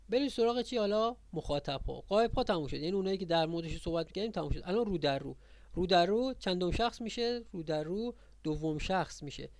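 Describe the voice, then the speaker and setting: A man's voice: sits high, a little mellow, no echo. A man teaching a grammar lesson in a Persian accent, repeating points and quizzing his students as he explains. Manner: repetitive, quizzing the viewers.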